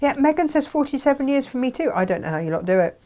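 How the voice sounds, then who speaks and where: A woman's voice: high voice, sing-song, fast, dark tone. A woman co-hosting a live show in a casual, jokey way, reading out and reacting to viewers' messages. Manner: chatty, jokey.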